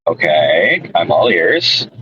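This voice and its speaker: A man's voice: sits low, big pitch swings, slow pace, pushed and bright, breathy edge, no echo. A man co-hosting a casual podcast over a call from his moving car, rambling and correcting himself as he goes. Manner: rambling, self-correcting, chuckles often. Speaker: podcast co-host. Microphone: voice call from a phone. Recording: dull lo-fi call audio.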